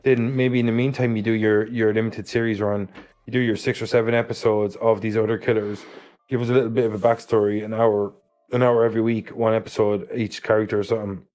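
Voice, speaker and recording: A man's voice: on the low side, flat delivery, fast, darkish tone, faint music behind. A man from Ireland with an Irish accent, co-hosting a film podcast and thinking aloud with many fillers. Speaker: podcast co-host. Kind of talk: casual film review chat.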